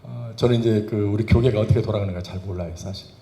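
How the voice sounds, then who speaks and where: A man's voice: on the low side, steady tone, fast, creaky, mellow, slight background noise. A male pastor preaching a Sunday sermon, firing rhetorical questions at the congregation with emphatic bursts. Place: church sanctuary. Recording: roomy church reverb.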